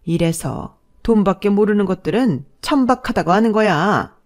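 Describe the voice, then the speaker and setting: A woman's voice: medium pitch, lively intonation, normal speed, voice pushed up, close to an everyday voice. A woman voicing a scheming middle-aged mother-in-law who scolds with open contempt, in a told story. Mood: scornful scolding. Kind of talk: storytelling with acted dialogue.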